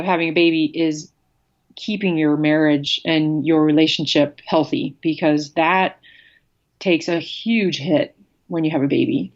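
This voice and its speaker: Candid, blunt woman guest, slightly low-pitched, on a dull lo-fi recording. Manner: candid, blunt, laughs often. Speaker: guest, former pro cyclist. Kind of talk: casual interview.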